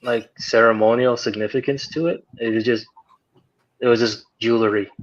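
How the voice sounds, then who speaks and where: A man's voice: mid-range voice, moderate pace. A man guest chatting casually and hesitantly on a stream, with plenty of fillers. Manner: relaxed, hesitant, lots of fillers. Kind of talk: casual chat. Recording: muffled lo-fi call audio.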